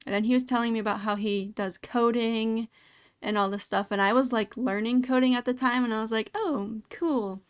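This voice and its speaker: A young woman hosting a casual podcast, rambling with lots of fillers and quick asides. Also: fairly high pitch, fairly even intonation, clean tone. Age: young adult. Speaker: podcast host. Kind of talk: casual chat. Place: home streaming setup. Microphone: desktop streaming mic.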